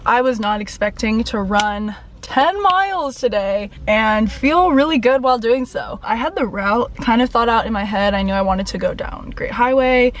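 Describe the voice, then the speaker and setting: A woman's voice: fairly high pitch, animated, normal speed, slight background noise. A young woman chatting casually in a vlog, informal and emphatic. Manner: informal, frequent "like" and emphatic words. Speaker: lifestyle and running vlogger.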